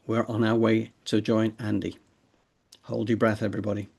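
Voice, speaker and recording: A man's voice: on the low side, flat delivery, normal speed, creaky, a little mellow, breathy edge. A man hosting a show, talking in a conversational way with hesitations. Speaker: host.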